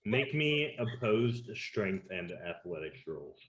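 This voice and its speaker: Low-voiced man running a tabletop game. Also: very animated, slow, dull audio, very noisy. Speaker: game master. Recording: roomy echo.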